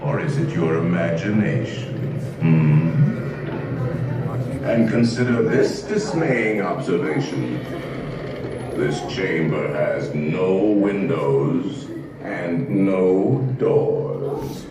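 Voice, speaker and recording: An actor playing a theatrical, villainous ghost host who narrates a haunted mansion attraction with slow menace and ominous formal courtesy. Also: male voice, low-pitched, music in the background, heavily acted. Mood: ominous, courtly. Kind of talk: scripted theme park attraction narration. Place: played over speakers in an indoor attraction room. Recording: echoing hall, distant speakers, some noise.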